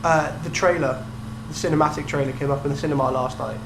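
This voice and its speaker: He's a fast talker with a voice on the high side, a young man co-hosting a casual video game podcast. Echo from the room and steady hum and noise sit under his speech.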